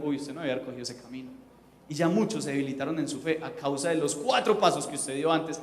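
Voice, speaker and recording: High-voiced man preaching in a hall. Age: 30s. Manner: conversational and joking, asks the congregation questions. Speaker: pastor. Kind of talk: sermon. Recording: echoey hall.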